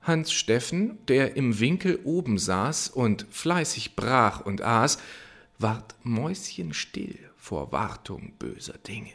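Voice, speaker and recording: A man giving a slow, expressive theatrical reading of a verse fable. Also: mid-range voice. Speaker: reader.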